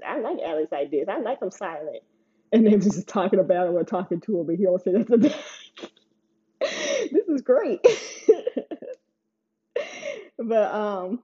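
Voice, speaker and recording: A chatty woman recaps TV in a relaxed, rambling way and laughs between points. Her voice has a husky, breathy edge. The recording sounds slightly dull and lo-fi. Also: on the low side. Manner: chatty, laughs often, playful asides. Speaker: TV recap host. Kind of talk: casual chat.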